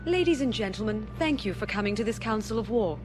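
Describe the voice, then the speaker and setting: An actress playing a resolute, earnest princess and rebel leader, composed and articulate, in a space-opera audio drama. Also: female voice, medium pitch, lively intonation, quick pace, music in the background, lightly acted. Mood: authoritative. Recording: orchestral score under the voice.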